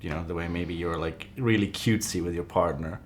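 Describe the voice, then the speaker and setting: A man's voice: deep voice, fairly quick, slight background noise. A man hosting a podcast, chatting in an easygoing conversational way. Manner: conversational, light laughs, short agreeing replies. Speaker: podcast host. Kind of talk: casual chat.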